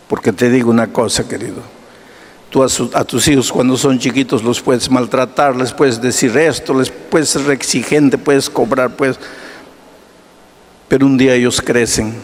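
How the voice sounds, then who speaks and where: A male pastor preaching a sermon, swinging between hushed low passages and raised ones, asking his listeners questions and answering them himself. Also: in a large hall.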